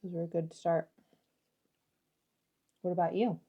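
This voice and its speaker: A woman's voice: on the low side, level tone, unhurried, warm tone, highs cut off. A young woman, the host's daughter, chatting playfully as a guest and repeating phrases for fun. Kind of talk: casual chat.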